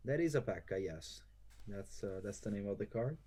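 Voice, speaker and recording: A man's voice: lowish voice, expressive, normal speed, very noisy. A man chatting casually during a live game stream, hesitant and full of fillers. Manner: laid-back, hesitant, many fillers. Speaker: co-host.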